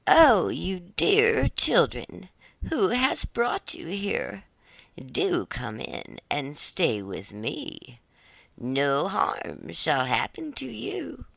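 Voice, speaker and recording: A reader voicing a wicked old witch who eats children, speaking slowly and sometimes in a whisper. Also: mid-range voice, huge pitch swings, creaky, fairly bright tone, no echo, exaggerated voice. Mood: sweet coaxing. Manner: slow, drawn-out, sometimes whispered.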